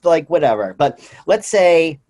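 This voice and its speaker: At a conference, a man earnestly talks through his slides, often pausing with "uh" and "you know." His darkish voice swings widely in pitch, and he briefly puts on high, mocking voices for quotes.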